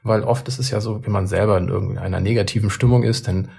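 A man's voice: on the low side, steady tone, fast talker, creaky, a little mellow, breathy edge. A man co-hosting a podcast, talking through his thoughts in a reflective, casual way, often restarting and repeating words. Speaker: podcast co-host.

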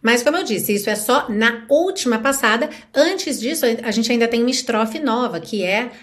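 A woman's voice: on the high side, expressive, moderate pace. A woman with a Brazilian Portuguese accent teaching English pronunciation through song lyrics, explaining patiently and checking in often with the listener.

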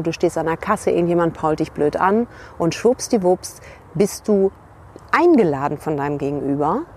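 A woman with a somewhat low voice coaches the listener in a calm, reflective way and often checks in with a quick tag question. She talks straight to camera outdoors by a river. Faint ambience hums behind her. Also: a little hiss or hum. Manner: reflective, addresses the viewer directly with tag questions. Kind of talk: motivational talk to camera.

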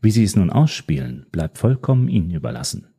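A man's voice: lowish voice, sing-song, creaky, slightly rough, full character voice. A man voicing a cool, mysterious woman informant. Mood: cool, composed. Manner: measured, composed, quietly menacing.

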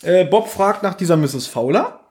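A man chatting casually on a podcast, reviewing an audio drama, animated and laughing often. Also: sits high, moderate pace. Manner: animated, laughs often, quotes lines in put-on voices. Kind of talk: casual chat.

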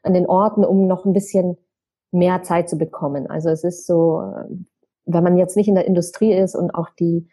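A woman's voice: fairly low pitch, steady tone, normal speed, dark tone. A woman from Germany, a travel blogger, talking casually about her trips, thinking aloud with fillers and restarts. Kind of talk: casual podcast conversation.

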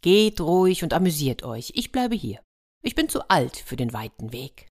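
A woman's voice: low-pitched, sing-song, moderate pace. A woman voicing an old mother star who fusses over her children and scolds them. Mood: caring. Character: old mother star, caring then stern.

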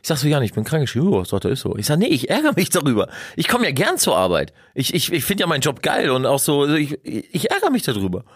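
A man, co-hosting a casual podcast, telling a story in a lively, crude way with swearing and laughter. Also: a little high, fast, hardly any pauses, slightly rough, no room sound, studio quality. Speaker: podcast co-host.

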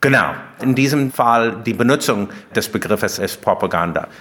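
With lively intonation and a fairly bright tone, an American man of medium pitch gives explanatory answers in an interview at a moderate pace. He is a philosopher and author whose non-native German contains small grammar errors.

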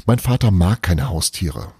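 A man's voice: low-pitched, unhurried, husky, no room sound, studio quality, full character voice. A man voicing a curious, eager boy. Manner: curious, excited.

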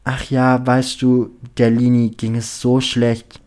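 A man reading a story and voicing a loud, tipsy, clingy rich young woman with a shrill, overexcited manner. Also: completely flat delivery, slow, clean tone, natural voice. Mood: chatty.

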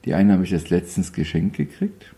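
This interview guest is a photographer in his fifties with a low voice that moves a little fast. He chats in a relaxed, rambling way, full of wry humor and frequent hesitations.

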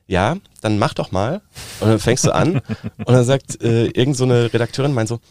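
A man from Upper Bavaria with a Bavarian accent, an actor chatting as an interview guest and telling lively anecdotes with quick dialect impressions. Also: mid-range voice, no room sound, clean studio sound. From Upper Bavaria, Germany. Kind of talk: casual interview chat.

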